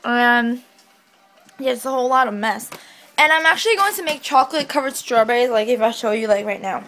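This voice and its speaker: A woman's voice: a little high, expressive, a little fast, a bit bright. A teenage girl chatting casually in a daily vlog, rambling with lots of filler words. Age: teens. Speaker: vlogger.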